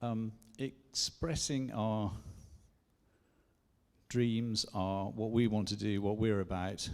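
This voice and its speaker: Low, gravelly male conference speaker, chatty and self-deprecating, in a church hall with a long echo. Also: fairly even intonation, slow. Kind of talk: conference teaching talk.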